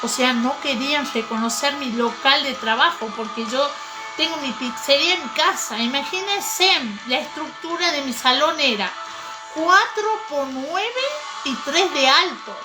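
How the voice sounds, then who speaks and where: A woman's voice: sits high, animated, measured pace, rough recording. A woman giving an emotional faith testimony, fervent and pleading, with repetitions. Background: music.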